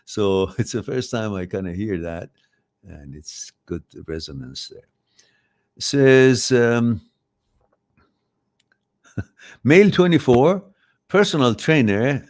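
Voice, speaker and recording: A middle-aged man from Iran hosts a live advice stream in Farsi, reading questions sent by viewers. His mid-range voice has a darkish tone, and he rambles, often stopping to correct himself.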